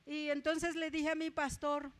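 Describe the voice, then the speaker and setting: Mexican lady giving a chatty sermon, high voice, keeps asking "right?" to the crowd. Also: flat delivery, a little slow. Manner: chatty, tags asides with ¿verdad?, tells personal stories with humor. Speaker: preacher. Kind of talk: conversational sermon.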